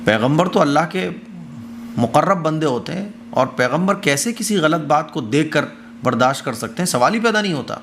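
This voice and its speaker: A man's voice: fairly high pitch, lively intonation, a bit bright, a little hiss or hum. A man delivering a religious commentary, explaining verses in a conversational teaching manner. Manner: reciting verses slowly then explaining them conversationally. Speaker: Quran commentator.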